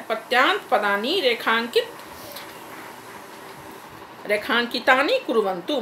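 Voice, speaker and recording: A woman's voice: on the high side, a bit bright, echoey room, slight background noise, poor audio. A woman teacher leading an online class over a video call, patiently repeating corrections and calling on students by name.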